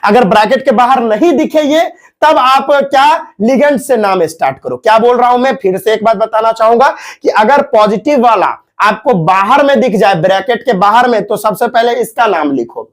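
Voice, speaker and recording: A man's voice: very high-pitched, lively intonation, moderate pace. A man teaching chemistry in a casual classroom lecture, repeating himself and coaxing students to look and listen. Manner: repetitive, coaxing, keeps saying 'dekho' and 'thik hai'.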